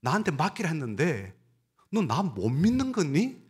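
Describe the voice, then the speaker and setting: A man voicing a gently pleading male Lord figure who asks reproachful, coaxing questions within a sermon. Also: on the high side, wildly swooping pitch, moderate pace, slightly rough, exaggerated voice.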